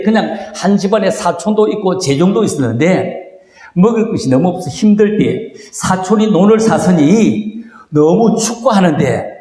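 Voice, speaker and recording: A high-voiced older man gives an animated lecture to a live audience, his pitch leaping up and down as he fires questions at the crowd. He speaks into a small microphone in a big meeting hall, and the sound booms with heavy echo and a long reverb tail. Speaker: lecturer at a gathering.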